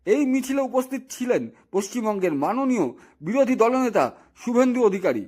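A male news reporter giving a formal, steady on-location report. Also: very high-pitched, a little fast.

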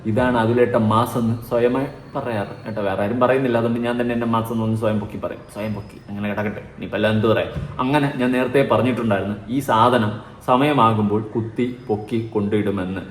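A man's voice: lowish voice, steady tone, fast talker, a little hiss or hum. A man giving mocking, sarcastic commentary in a vlog. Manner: sarcastic, mocking, mimics crying voices. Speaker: vlogger. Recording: echoey room.

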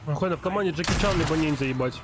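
A male gamer with a somewhat high voice talks through a playthrough in a casual, colloquial way. He reads subtitles aloud and swears freely in between. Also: rapid-fire, background noise. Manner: foul-mouthed, colloquial. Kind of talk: casual game commentary, reading out subtitles.

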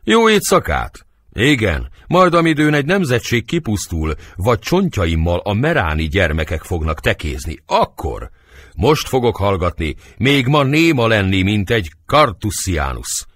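A hot-tempered male nobleman, read aloud by a man, spits out bitter, fiery outbursts in a low, husky voice. His pitch leaps and drops with every curse, and the recording is close and dry, like an audiobook studio. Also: big pitch swings, a bit bright, no echo. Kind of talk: audiobook drama reading.

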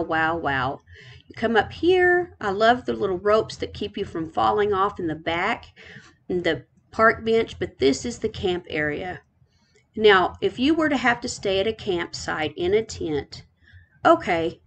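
A woman's voice: mid-range voice, a bit bright. Gushing woman touring an island. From Texas. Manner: gushing, effusive, repeats words of praise. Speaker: island tour host. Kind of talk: casual game island tour narration.

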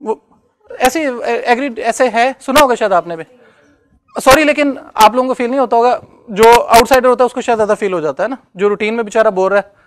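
A man's voice: very high-pitched, fast. Male lecturer, chatty. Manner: conversational, checks understanding often. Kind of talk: classroom lecture.

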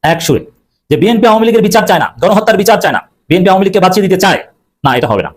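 A man's voice: high voice, animated, racing. A man giving emphatic, combative political commentary, repeating his points with fillers and self-corrections.

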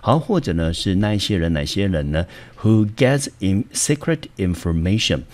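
A man's voice: deep voice, sing-song, moderate pace, a little mellow. A man teaching English vocabulary in Mandarin with a Taiwanese accent, explaining patiently step by step. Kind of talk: vocabulary lesson.

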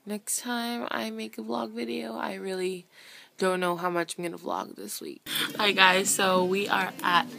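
A woman's voice: medium pitch, level tone, unhurried, vocal fry, sharp tone. A young woman vlogger chatting casually to the camera close in front of her.

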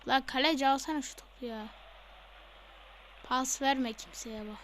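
A woman playing a football video game live, excitable, yelling instructions at the screen and swearing. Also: high-pitched, normal speed, slight background noise. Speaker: gamer.

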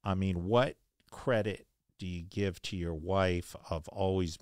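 A man's voice: low voice, unhurried, smooth, no echo, clean studio sound. A man hosting an interview, asking long rambling questions in a conversational way and sharing his own racing memories. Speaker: interview host. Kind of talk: casual interview.

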